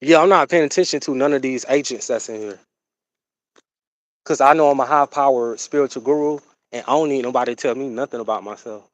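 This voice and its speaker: A man's voice: medium pitch, no echo, low-quality recording. Rambling man on a dry livestream. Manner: rambling, drawn-out, full of fillers and "you know what I'm saying". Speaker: livestream host. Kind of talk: casual livestream chat.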